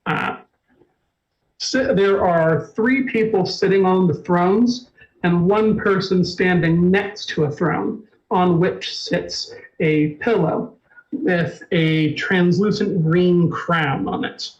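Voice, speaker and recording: A man narrating a tabletop game as storyteller, halting, with many fillers and restarts. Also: sits high, dull audio.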